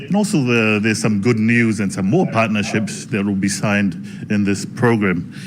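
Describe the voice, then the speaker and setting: A man speaking informally to a gathering as a presenter, in a halting way with repeated phrases. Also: on the low side. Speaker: tourism authority presenter introducing speakers. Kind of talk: informal public address at a launch event. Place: conference room.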